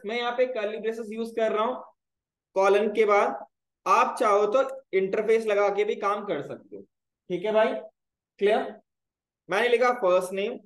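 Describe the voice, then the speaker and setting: A man's voice: high-pitched, reverberant, rough recording. A man teaching a live programming class, explaining step by step and often checking whether his students follow. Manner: explains step by step, checks in with repeated "clear, brother?". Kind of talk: live coding class tutorial.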